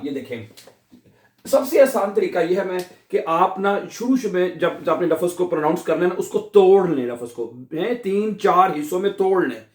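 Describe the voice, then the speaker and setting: A man giving a German pronunciation lesson, breaking long words into parts and repeating them slowly, syllable by syllable. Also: on the high side, a little mellow. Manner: drills words slowly, syllable by syllable, with many repetitions. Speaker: German language teacher. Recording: echoey room, mic at a distance.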